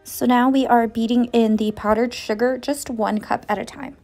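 A woman's voice: fairly high pitch, fairly even intonation, moderate pace, darkish tone, soft background music. A woman hosting a baking vlog at home, chatting through each step in a casual voice-over. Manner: chatty, walks through steps one by one. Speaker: baking channel host. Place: home kitchen.

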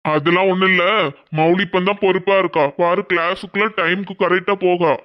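A woman voicing a calm family father in a cartoon, with a brief, matter-of-fact way of talking. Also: on the low side, brisk, lo-fi sound, voice pushed down, natural voice.

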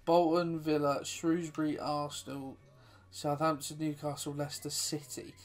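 A man giving chatty live commentary over his own football video game, self-deprecating and bursting into excitement at goals. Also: a little high, normal speed. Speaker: gaming YouTuber.

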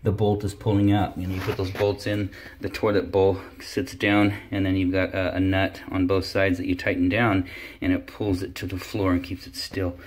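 A man's voice: deep voice, completely flat delivery, normal speed. A middle-aged man working as a plumber, casually explaining a job step by step with plenty of fillers, recorded on a handheld phone in a bathroom. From California. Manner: practical, explanatory, many fillers. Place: indoor bathroom.

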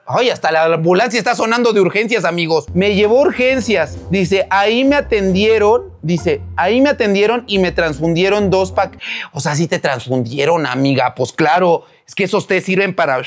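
A man's voice: high voice, normal speed, faint music behind. Theatrical gossiping Mexican man. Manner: theatrical, gasps and cries out "ay, no". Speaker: doctor reacting to viewer stories. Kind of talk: gossipy storytelling commentary.

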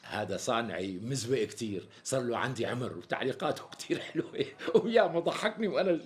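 An actor with a Syrian accent playing a flattering tailor who talks around the price in flowery sales patter. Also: male voice, mid-range voice, fast talker, slight background noise, lightly acted. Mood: coaxing. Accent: Syrian Arabic. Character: smooth-talking flattering tailor who dodges naming a price. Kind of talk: TV sketch comedy acting.

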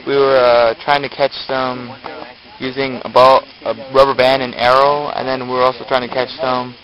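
A young man filming a video diary of a camping trip, with a relaxed, halting manner and many ums and uhs. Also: mid-range voice. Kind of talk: casual handheld video diary. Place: car, store, campsite outdoors, tent at night. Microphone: camera held at arm's length. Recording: noisy handheld camcorder audio.

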